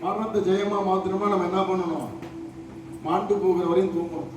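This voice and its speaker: High-voiced preacher man in an echoing hall. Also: steady tone, normal speed. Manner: rousing, swings from shouts to hushed testimony. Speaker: pastor. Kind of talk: call-and-response sermon. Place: large church hall. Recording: echoey hall, distant mic, noisy.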